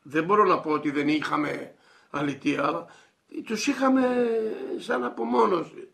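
An older man with a high, gravelly voice recalls the old days in earnest. He halts often and searches for words. His talk is full of fry. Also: pushed and bright. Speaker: interviewee. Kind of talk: nostalgic reminiscing.

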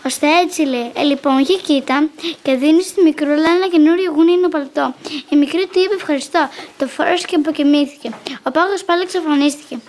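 A woman reads a folk tale aloud with a lively, vivid touch. Her voice is high. Faint noise sits behind her. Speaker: storyteller.

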